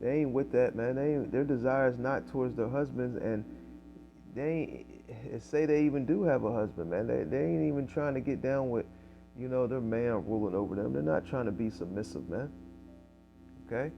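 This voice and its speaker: A man's voice: medium pitch, normal speed, creaky, muffled recording, soft background music. A man preaching in casual street style, reading scripture aloud and tagging lines with "okay?" and "man". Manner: fills with "man" and "okay?", reads verses louder.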